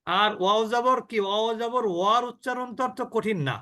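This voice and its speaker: A man teaching an online recitation class, drawing out each sound slowly and quizzing his students. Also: high-pitched, bright, forceful tone. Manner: slow drawn-out demonstrations of sounds, asks the class questions.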